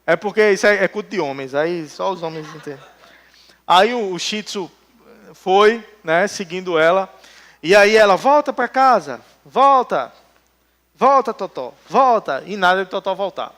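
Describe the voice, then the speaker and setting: A man preaches in a church, his voice pitched high. He keeps the sermon light with jokey stories and acts out the voices of the people he quotes. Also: moderate pace, a bit bright. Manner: joking storytelling, acts out quotes. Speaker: pastor. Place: church hall.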